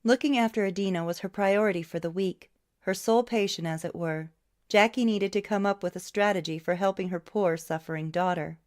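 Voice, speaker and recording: A woman reading a novel aloud as an audiobook narrator, in a steady, even storytelling way. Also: mid-range voice, brisk. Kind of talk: scripted narration.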